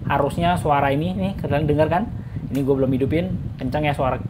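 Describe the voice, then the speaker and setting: A man's voice: fairly high pitch, quick pace, background noise. A man casually demoing a gadget for viewers indoors, talking with an electric fan blowing into his mic. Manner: chatty, addresses viewers directly. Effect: speaking with an electric fan blowing into the mic. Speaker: gadget reviewer. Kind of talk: casual product demo. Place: indoors in a room. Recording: loud fan whir on a clip-on mic.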